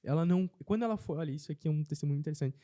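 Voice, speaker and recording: Man, quick delivery, dark mellow tone, dry close sound, earnest podcast guest storytelling. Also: a little high, no echo. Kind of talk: casual chat, personal testimony.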